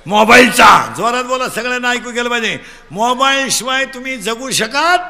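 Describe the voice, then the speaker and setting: Loud, high-voiced comic preacher man. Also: normal speed. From Maharashtra. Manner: loud, quizzes the audience and urges them to answer. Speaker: kirtan preacher. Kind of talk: comic devotional sermon.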